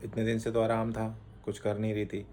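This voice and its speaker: Soft-spoken man comforting at home. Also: fairly low pitch, monotone, fairly quick, slight background noise. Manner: soothing, pleading softly. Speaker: vlogger, father. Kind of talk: casual family vlog. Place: home, indoors.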